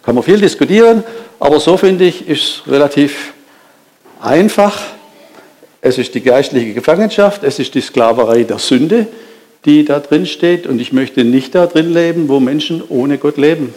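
A man preaching a sermon, lively and emphatic, asking rhetorical questions and speaking directly to his listeners. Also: fairly high pitch, moderate pace.

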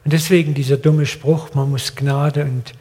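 An older man delivering a sermon in plain, blunt everyday speech, putting rhetorical questions to his congregation. His voice sits a little high for a man. The recording carries a long reverb tail, as from a large hall. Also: little pitch movement, normal speed, dark tone. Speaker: preacher.

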